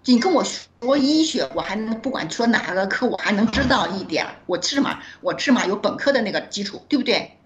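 A woman recounting a story at a brisk clip, her pitch leaping up and down as she acts out both sides of a conversation. She laughs often and stumbles through quick restarts. The audio is dull and lo-fi. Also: lively intonation, a little hiss or hum. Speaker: doctor, interview guest.

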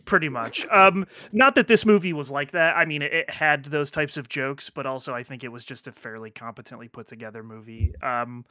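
Rambling podcast host man, bright crisp voice. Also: mid-range voice, fairly quick, few pauses, dry recording, studio quality. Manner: rambling, full of fillers and restarts, casual swearing. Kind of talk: casual podcast chat.

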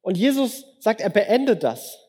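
Lively preacher man in a reverberant hall. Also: high-pitched, a little slow, breathy edge. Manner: lively, acts out dialogue, wide swings from loud to hushed. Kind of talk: sermon.

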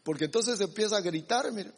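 A man's voice: high voice, fairly quick. A man preaching a sermon, emphatic, addressing the congregation as brothers. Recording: echoey hall.

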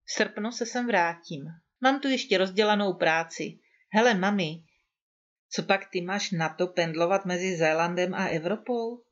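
A woman's voice: fairly low pitch, muffled recording, close to an everyday voice. A woman reading the part of a carefree young adult son who talks back to his mother in a breezy, persuasive way.

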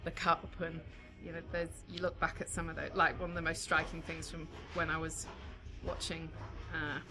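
A woman co-hosting a casual football chat, thoughtful and measured, repeating words as she thinks. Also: low voice, flat delivery, over music. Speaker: podcast co-host.

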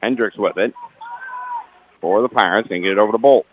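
A man's voice: on the low side, a little hiss or hum. Man, play-by-play basketball announcer, dry asides, dull lo-fi sound. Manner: rapid player-by-player calls, dry asides about the refs.

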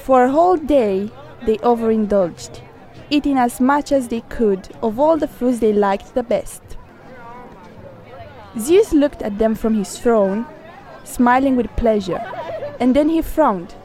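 A woman narrating a folk tale in a clear, measured storybook reading. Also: fairly high pitch, animated, mellow, a faint crowd.

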